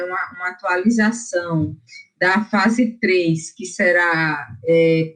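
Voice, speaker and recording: Woman physician giving a lecture. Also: mid-range voice. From Brazil. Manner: explanatory, frequent fillers and self-corrections. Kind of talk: academic lecture.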